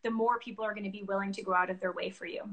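A woman guest in a casual interview over a video call, talking with lively enthusiasm. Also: medium pitch, rapid-fire, rough recording. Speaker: guest entrepreneur.

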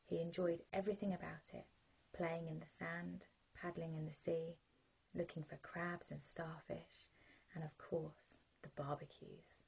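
A British woman serves as a sleep story narrator, guiding the listener gently and without hurry. Her voice is low-set and very breathy, with a soft, mellow warmth. The delivery is calming bedtime storytelling for children. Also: poor audio. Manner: gentle, calming, unhurried guidance.

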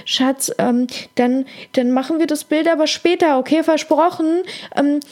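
A woman's voice: high-pitched, steady tone, measured pace, a little mellow, voice pushed up. A woman voicing a mother on holiday who sweetly coaxes and pleads with her husband. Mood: coaxing. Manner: sweetly coaxing, needy.

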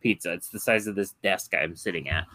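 A man's voice: low voice, a little fast, pushed and bright, dry recording. A young married man co-hosting a podcast, chatting casually with wry, joking asides. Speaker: podcast co-host. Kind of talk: casual chat.

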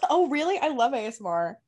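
A young adult woman co-hosting a podcast in casual chat, bubbly, playful and gushing. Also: sits high. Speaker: podcast co-host.

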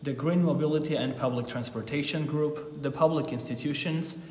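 A man's voice: fairly high pitch, moderate pace, darkish tone. Earnest young man, roomy sound. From Armenia. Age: 20s. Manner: earnest, formal, explaining at length. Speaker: guest, youth ambassador. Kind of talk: podcast interview. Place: office in Berlin. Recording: roomy, reverberant room.

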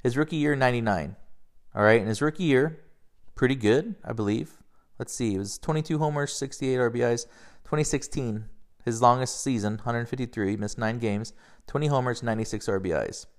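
A man's voice: mid-range voice, fairly quick. A man in his thirties from the United States, rambling casually and profanely about baseball and getting worked up as he goes. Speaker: podcast host. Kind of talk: casual sports chat.

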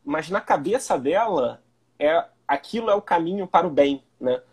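A man's voice: a little high, lively intonation, moderate pace, a little mellow, breathy edge. A young Brazilian man with a Brazilian Portuguese accent, chatting in a laid-back way, with lots of casual fillers. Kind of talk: casual conversation.

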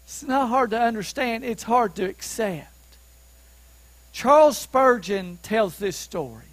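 A man preaching a sermon as pastor, who asks the listeners questions and rises to emphatic shouts on key points. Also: very high-pitched, lively intonation, unhurried, dry recording, poor audio. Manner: asks the congregation questions to keep them following.

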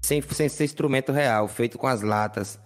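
A Brazilian man with an average-pitched voice speaks as a podcast guest. He tells stories casually and plainly, often circling back to repeat a phrase. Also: normal speed. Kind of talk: casual interview storytelling.

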